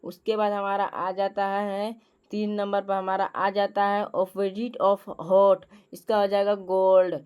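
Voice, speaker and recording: A woman's voice: medium pitch, flat delivery, slow pace, clean tone, muffled recording. A woman reading school quiz questions and answers to students, with frequent restarts and repetition. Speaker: teacher presenting school assembly quiz.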